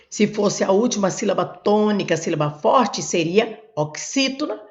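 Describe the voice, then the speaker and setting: A woman's voice: medium pitch, vocal fry. A Brazilian woman teaching grammar for exam prep, explaining step by step and repeating terms, while she has a cold. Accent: Brazilian Portuguese. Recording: dull lo-fi recording.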